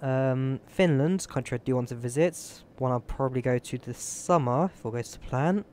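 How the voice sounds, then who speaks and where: Slight background noise sits under this young UK man's mid-range, slightly mellow voice as he speaks at a moderate pace. He's casually chatting to viewers during a flight-sim stream, rambling and musing aloud while fiddling with settings.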